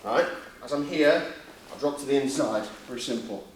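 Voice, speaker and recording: A man with a Yorkshire accent coaching a martial arts seminar, talking through demonstrations step by step in an informal, blokey way with quick checking questions. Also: medium pitch. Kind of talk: hands-on demonstration teaching with casual banter. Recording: echoey room, distant mic, faint noise.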